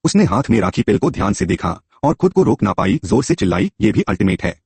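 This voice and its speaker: A man's voice: lowish voice, very animated, brisk, creaky, darkish tone, breathy edge, dry recording. A man narrating a story in a scripted telling and voicing its characters himself.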